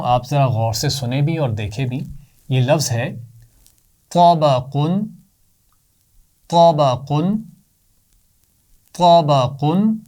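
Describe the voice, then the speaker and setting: A man's voice: a little high, darkish tone. A man teaching a children's Quran reading lesson, patiently repeating letter sounds for the pupils to copy and praising them often.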